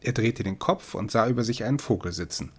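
A man reading a storybook aloud in a measured, expressive narration. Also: on the low side, breathy edge.

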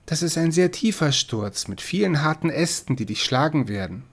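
A man voicing gentle, unyielding Death as a bird. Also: on the high side, lively intonation, normal speed, pitched above the performer's own voice. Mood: firm. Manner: soft, kind but unyielding.

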